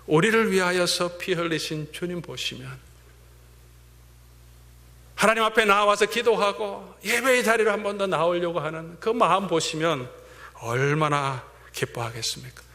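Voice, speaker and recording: A male pastor preaching a sermon, swinging between fervent emphasis and hushed whispers. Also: high-pitched, moderate pace. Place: church sanctuary. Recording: long church-hall reverb.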